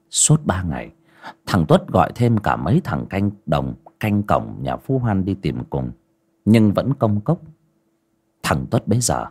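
A man narrating a horror story with dramatic, expressive delivery. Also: sits low, slightly rough.

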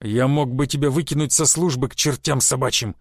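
A man's voice: mid-range voice, a little fast, dry recording, studio quality, lightly acted. A man voicing an angry, cursing male secret police chief who scolds his agent in an audiobook. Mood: stern. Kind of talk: audiobook character voice.

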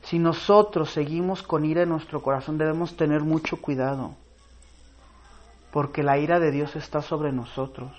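With a fairly high pitch and a steady tone, a pastor delivers an earnest sermon. Pausing as he reads scripture aloud, he swells into loud, emphatic stress.

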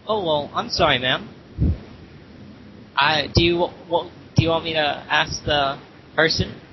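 A man posing as a phone operator on a prank call, talking in a halting way full of ums and uhs over a phone connection. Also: on the high side. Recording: muffled phone line with loud hiss.

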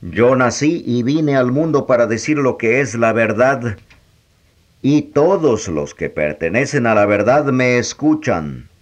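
A man reading the lines of a calm, firm teacher, solemn and serene. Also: mid-range voice, a little slow.

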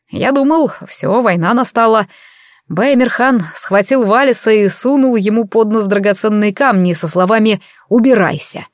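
A woman reading an audiobook voices an excited young nobleman recounting events. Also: medium pitch, no echo, studio quality, natural voice.

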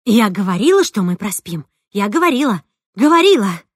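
A woman reads a flustered young mother who frets and bursts into exclamations, her voice riding high. It is a dry, close audiobook recording with no room sound. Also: expressive, moderate pace, dry recording. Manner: exclaiming, anxious. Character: flustered mother, emotional and quick to cry. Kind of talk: audiobook character reading.

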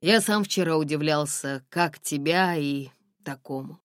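A woman reading a gruff but caring man, a driver who lectures the girl. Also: low-pitched, unhurried, no room sound, studio quality.

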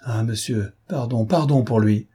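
A man's voice: medium pitch, measured pace, mellow, breathy edge. A man voicing an anxious, devoted governess who pleads and implores in an audiobook reading. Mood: pleading.

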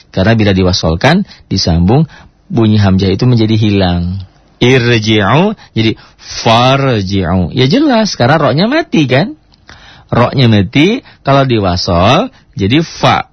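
A man teaching Quran recitation in an unhurried lesson, drawing out example words syllable by syllable and checking often that listeners follow. His voice is husky and of middle pitch. The recording is dry and somewhat dull. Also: no room sound. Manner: explains patiently, with frequent checking questions. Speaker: Islamic teacher.

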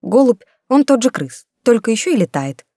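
A woman's voice: a little high, sing-song, moderate pace, mellow, no echo, clean studio sound, pitched above the performer's own voice. A woman voicing a sarcastic male talking rat, grumbling and snide.

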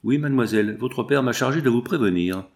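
Un homme lisant à voix haute et prêtant sa voix à un jeune homme reconnaissant et respectueux. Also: male voice, mid-range voice, fast talker, close to an everyday voice.

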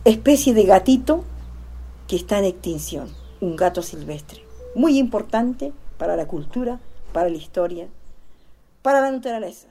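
A woman hosting a radio programme, reciting song verses and commenting on them slowly. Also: mid-range voice, expressive, warm tone, a little hiss or hum. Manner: slow, deliberate delivery. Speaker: radio host.

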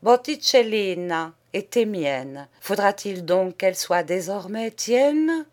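Woman reader doing an anguished grave painter, slow and strained. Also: mid-range voice, expressive, a little mellow. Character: anguished male painter, sorrowful and tense.

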